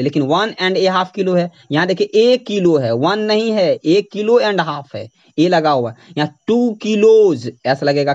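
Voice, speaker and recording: A man's voice: high voice, dull audio. A man teaching English grammar in a lecture, explaining step by step, repeating points and spelling words out letter by letter. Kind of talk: lecture to students.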